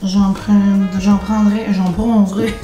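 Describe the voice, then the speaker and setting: A woman with a Quebec French accent chatting casually at home for her vlog, excitable and dropping English words into her talk. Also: medium pitch, takes it slowly, poor audio. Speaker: vlogger. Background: background music.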